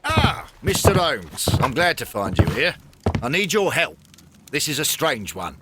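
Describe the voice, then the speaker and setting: A man's voice: on the high side, huge pitch swings, measured pace, heavy background noise. A man acting a blustering, easily flustered Victorian police inspector in a game, with an English accent and emphatic delivery. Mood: pressed, businesslike. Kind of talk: video game cutscene acting.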